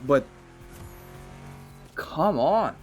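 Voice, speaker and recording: A young man in a vlog rant, fed up and agitated, stumbling over his words with heavy stuttering. His voice sits a little high for a man, and he drags his words out slowly. Faint music plays under him. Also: animated. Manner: heavy stuttering with repeated sounds. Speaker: vlogger. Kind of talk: ranting commentary.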